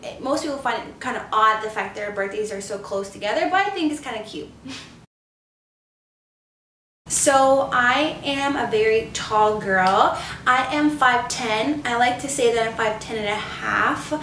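Upbeat twenty-something vlogger gal from canada, a bit high, echoey room and set back from the mic. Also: female voice, fairly bright tone, slight background noise. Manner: upbeat, chatty, quick bursts of speech. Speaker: beauty vlogger. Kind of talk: casual chat to camera. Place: living room or home office, indoors. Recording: roomy, slightly distant sound.

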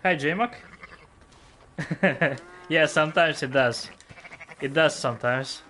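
A man's voice: on the high side, slow pace, slight background noise. A man in his forties streaming a game live from home on a headset, reading and answering his viewers' chat. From lives in the United Kingdom. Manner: relaxed, chuckles often, reads and answers chat; yelps and pleads when under attack in game. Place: home room.

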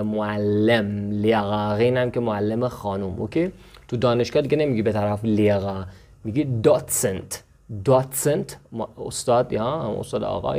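A man giving a casual language lesson. He slows down carefully on the foreign words, speeds up when he explains them, and keeps checking in with his students. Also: mid-range voice, a little mellow. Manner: chatty, checks in with "okay?" and "right?". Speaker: language teacher.

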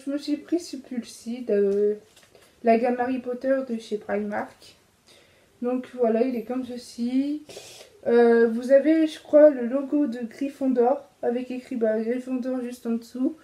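A young French-accented fashion vlogger chats loosely through a casual clothing haul, pausing on fillers and correcting herself. Her voice sits high yet sounds soft and mellow, with fairly even intonation and a slightly slow pace.

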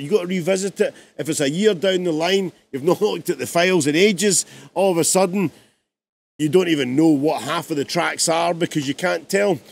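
A man's voice: fairly high pitch, gravelly, slight background noise. A man, a music producer, talks casually through his song in a live-streamed production tutorial, chatty and rambling.

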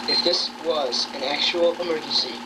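Woman on hissy old VHS tape. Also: deep voice. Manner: giggly, drawn-out singing. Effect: old home VHS tape recording. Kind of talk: silly parody carol singing.

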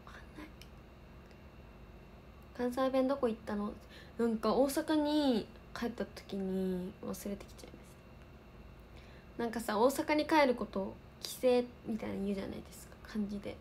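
A woman's voice: fairly high pitch, moderate pace, long pauses, darkish tone, a little hiss or hum. Chatty young woman answering stream comments. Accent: Kansai. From Osaka, Japan. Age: 20s. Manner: chatty, answers viewer comments, laughs often. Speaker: idol livestream host. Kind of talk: casual livestream chat reading comments.

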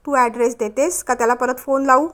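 A woman's voice: high-pitched, fairly even intonation, brisk, fairly bright tone. A woman voicing a remorseful divorced husband who talks in an eager, pleading way in a storybook reading. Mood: angry.

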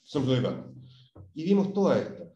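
A man's voice: fairly high pitch, big pitch swings, a little fast, warm tone, lo-fi sound. Chilean guy teaching english class, asks lots of questions, far from the mic, kinda echoey. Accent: Chilean Spanish. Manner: questioning, drills pronunciation. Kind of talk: classroom lesson.

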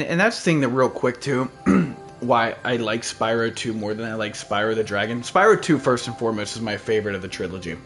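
A man in his thirties giving casual, slangy, rambling gameplay commentary as a streamer. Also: lowish voice. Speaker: game streamer. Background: game music.

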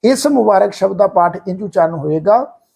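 A man with an earnest, explanatory manner, teaching the correct pronunciation of scripture and slowly chanting example lines. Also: sits high, expressive, creaky, dark tone, husky. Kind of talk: religious pronunciation lesson.

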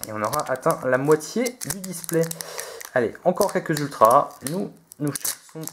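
A man hosting a relaxed card-pack opening video, chatty and hesitant, reading out each card name as he goes. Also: a little high, normal speed, slight background noise. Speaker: video host opening trading card packs. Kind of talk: relaxed unboxing commentary.

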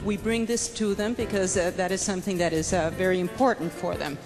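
A woman's voice: on the low side, fairly even intonation, a little fast. A woman working as a live interpreter, relaying answers phrase by phrase. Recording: long hall reverb, music behind.

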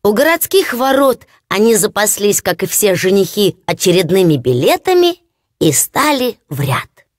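A woman narrating a fairy-tale audiobook in an expressive storytelling manner. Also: medium pitch, moderate pace, no room sound, studio quality.

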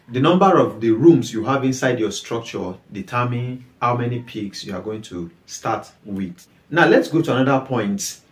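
A young man with a Nigerian English accent teaches to the camera at a middle pitch. He talks emphatically and keeps firing short questions at the viewer. The sound carries a lot of reflection from a small bare room. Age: young adult. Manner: repetitive questions, emphatic, gestures with hands. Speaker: livestock farming teacher. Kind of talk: explaining to camera. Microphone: camera at medium distance. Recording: echoey room.

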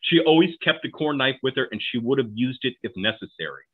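Middle-aged male historian, casual lecturing manner with asides, mid pitch, phone-like webcam audio. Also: lively intonation, fast talker, slightly rough. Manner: conversational, asides and tag questions. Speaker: historian presenting a talk. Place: home room, video call.

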